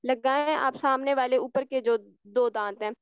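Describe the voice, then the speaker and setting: High-voiced woman teaching Quranic recitation. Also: steady tone, normal speed, clean tone, no echo, muffled recording. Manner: patient, repeats sounds to demonstrate, checks students follow. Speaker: tajweed teacher. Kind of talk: online class lesson.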